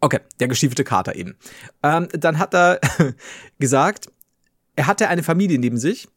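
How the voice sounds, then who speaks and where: A man hosting a casual podcast, telling an anecdote in an animated way and laughing often mid-story. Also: fairly high pitch, normal speed, dry recording, studio quality. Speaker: podcast host.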